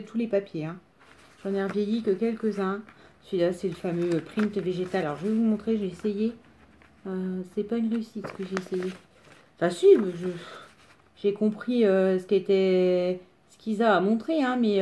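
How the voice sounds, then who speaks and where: Mellow, raspy woman with a smoker's voice. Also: mid-range voice. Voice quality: smoker's rasp. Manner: self-deprecating, rambling, chatty. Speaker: craft tutorial presenter. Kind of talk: casual unscripted craft demonstration.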